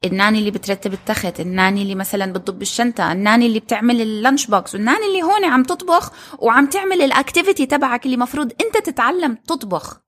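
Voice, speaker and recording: A woman's voice: a little high, very fast, a bit bright. A woman co-hosting a parenting chat, telling stories and quoting others expressively. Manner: storytelling, quotes others expressively. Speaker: podcast co-host, mother.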